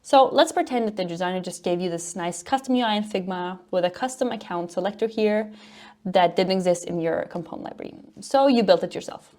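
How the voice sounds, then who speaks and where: A woman from Norway, working as a front-end developer and educator, walks a conference audience through technical ideas in a relaxed, upbeat way. She talks fairly quickly in a mid-range, somewhat mellow voice.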